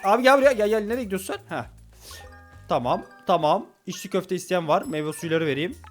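A man giving hurried, excitable commentary while playing a restaurant game, talking to customers on screen. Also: high-pitched, soft background music. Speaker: gaming YouTuber. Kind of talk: casual gameplay commentary.

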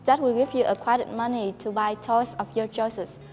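A woman's voice: fairly high pitch, steady tone, normal speed, a little mellow, long reverb tail, faint music behind, natural voice. A woman voicing a kind apple tree who speaks soothingly.

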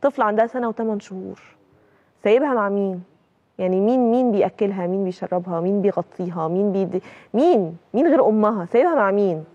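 A woman with an Egyptian Arabic accent hosting a live call-in talk show, pressing callers with quick, probing questions. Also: mid-range voice, lo-fi sound.

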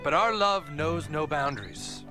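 An actor playing an earnest middle-aged small-town cartoon dad who speechifies solemnly. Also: male voice, fairly high pitch, lively intonation, measured pace. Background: loud music.

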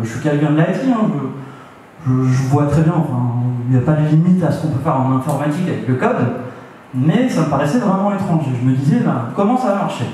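At a meetup, a young man with a fairly high, mellow voice gives a presentation into a handheld microphone before an audience in a meeting room. He hesitates, with many fillers and restarts, and the echoey recording is captured from a distance with slight background noise.

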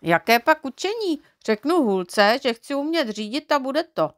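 A woman voicing a boastful, careless little boy mite from a storybook, raising her voice into a cocky, excitable tone. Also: sits high, no echo, clean studio sound, voice pushed up. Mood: excited.

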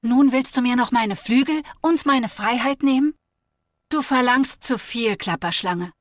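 A woman voicing a quick, proud male roadrunner who firmly refuses a rattlesnake in a video game fable. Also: a little high, dry recording, studio quality, pitched above the performer's own voice, close to an everyday voice. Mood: indignant. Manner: firm, indignant refusal.

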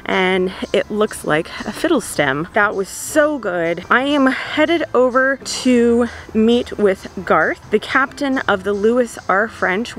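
A woman in her thirties, a travel vlogger, talking excitedly outdoors and interviewing a guest, bubbly and quick to laugh. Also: on the high side. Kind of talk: enthusiastic travel vlog and interview. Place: outdoors on a sailing ship's deck and inn garden.

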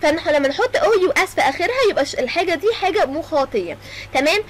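A woman's voice: very high voice, animated. A young woman with an Egyptian Arabic accent giving a medical terminology lecture, mixing in English terms and often checking that students follow. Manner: keeps checking understanding with a quick "تمام؟".

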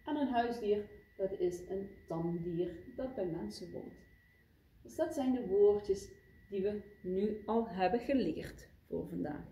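Woman teacher, slow patient explaining, mellow voice, echoey classroom from far off. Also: mid-range voice, expressive. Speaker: primary school teacher. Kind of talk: vocabulary lesson for young pupils.

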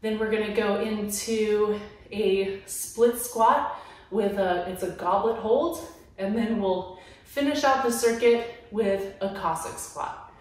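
Slow-talking woman coaching a home workout. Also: mid-range voice, a little mellow. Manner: encouraging, coaching while moving. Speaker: fitness trainer. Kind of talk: workout instruction. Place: small room at home. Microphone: camera at a distance. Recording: very echoey room, far from mic.

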